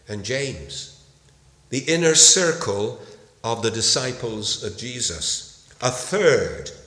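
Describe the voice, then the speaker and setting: A man preaching a sermon in an unhurried, measured voice, leaning on each key word. He speaks at a middling pitch. His voice rings out in a roomy hall with a long reverb. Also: fairly bright tone. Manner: slow, deliberate delivery with emphatic pauses.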